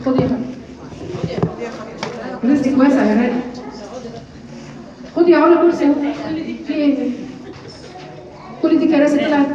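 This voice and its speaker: Egyptian woman teacher, high and quick, quizzing the class, mic far off in a booming room. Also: a crowd in the background. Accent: Egyptian Arabic. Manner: lively, asks the class questions and answers them; draws out key terms slowly. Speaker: Quran recitation teacher. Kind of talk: live classroom lesson. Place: classroom with women students. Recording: echoey room, voice from across the room, muffled. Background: chattering students.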